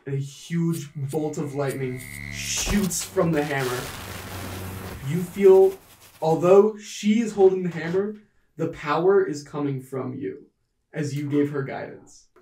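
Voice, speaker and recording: A man narrating a tabletop game as game master, in a measured, descriptive storytelling manner. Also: fairly high pitch, mellow, distant mic, slight background noise. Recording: roomy, mic set back.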